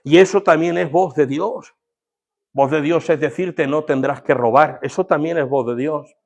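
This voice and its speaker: A man's voice: on the high side, moderate pace, a little mellow. A man preaching a fervent sermon as pastor, drawing call-and-response from the congregation.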